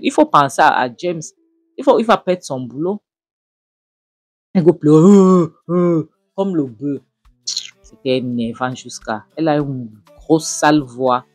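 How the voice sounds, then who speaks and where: Animated film recapper with a husky voice, acts out the lines, faint music behind. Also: mid-range voice, unhurried, dry recording. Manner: animated, voices the characters' lines and scolds them. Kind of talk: casual retelling of a film episode.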